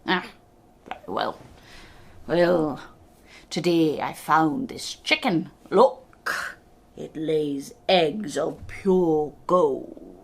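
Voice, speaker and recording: A woman voicing a huge, gruff male giant in a storybook tale, speaking low and slow. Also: lively intonation, heavily acted. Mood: menacing.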